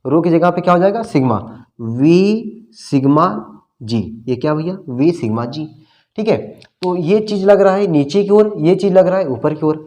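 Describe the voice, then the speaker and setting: A man's voice: on the high side, animated, normal speed, warm tone. Hindi-speaking man teaching physics, questions aloud. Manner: asks questions and answers them himself, repeating key terms; friendly and colloquial, calls students "bhai" and "babu". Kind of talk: classroom-style lecture at a board.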